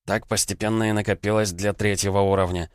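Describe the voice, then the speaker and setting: A man's voice: lowish voice, level tone, fast, clear, resonant tone, no room sound, clean studio sound, lightly acted. A man voicing a sly, wheedling little male crossroads demon, speaking in an ingratiating, self-pitying way in an audiobook.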